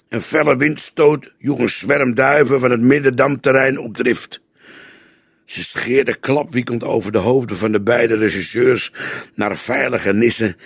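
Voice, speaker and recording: A man narrating a crime novel as an audiobook reader, in measured storytelling style. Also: mid-range voice, gravelly, slightly rough, no echo, studio quality. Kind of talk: scripted narration.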